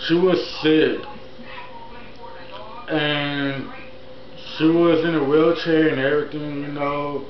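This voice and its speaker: Slow and flat in pitch, with long pauses, this somewhat high-voiced channel host in his early twenties rambles casually through a personal story and circles back over the same points. The recording, made in a room at home with the TV on, is echoey, dull, and faintly noisy.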